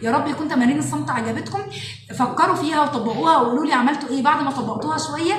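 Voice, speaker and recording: An Egyptian woman, a parenting educator and show host, explaining classroom activities to parents in an animated way and acting out what children say. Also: high voice, very fast, slight background noise. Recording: echoey room, mic at a distance.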